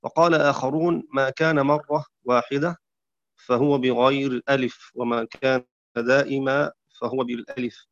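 A man teaching Quran recitation variants in a measured lecture, citing verses and clearing his throat now and then. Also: mid-range voice, fairly even intonation, no room sound, muffled recording. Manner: measured explanatory delivery with chanted verse quotes.

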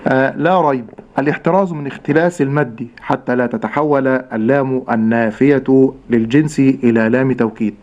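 A man's voice: mid-range voice, steady tone, darkish tone. Patient male Quran teacher, dull sound. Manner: patient, drawn-out model pronunciations. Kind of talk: step-by-step tajweed instruction.

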